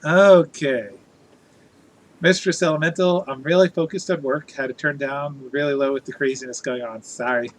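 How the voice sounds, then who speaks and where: A man's voice: a little high, steady tone, moderate pace, a little hiss or hum. A man chatting casually as a live streamer, reading out viewer comments in a playful, jokey, theatrical way.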